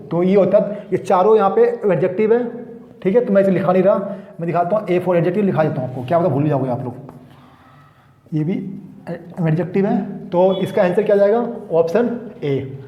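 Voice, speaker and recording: A high-pitched man with an Indian accent explains English words in a loose, chatty classroom manner, often restarting and adding fillers. His voice rings with long reverb in a room. The recording sounds slightly dull. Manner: casual explaining, frequent "ठीक है" fillers and restarts. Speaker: English vocabulary teacher.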